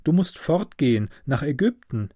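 A man reading a storybook aloud, voicing a kind, sorrowful prince statue in an earnest, gently insistent voice. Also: fairly high pitch, sing-song, moderate pace, dry recording, clean studio sound.

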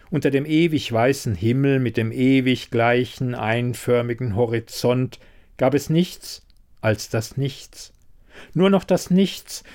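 Slow, steady male storyteller. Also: medium pitch. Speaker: audiobook narrator. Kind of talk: scripted narration.

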